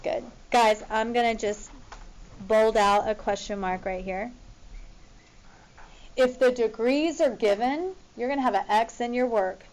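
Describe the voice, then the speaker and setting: High-voiced woman teaching a class. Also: a little slow, pauses often, darkish tone, rough recording. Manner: informal, directive, checking students follow along. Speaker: math teacher. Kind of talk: teacher talking to a class, working through examples.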